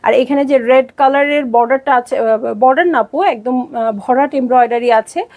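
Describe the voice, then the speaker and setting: A young Bangladeshi woman sells dresses on a live stream, chatty and bubbly, speaking with a Bangladeshi Bengali accent and often slipping in English words. Her high voice has a darkish tone and moves at normal speed.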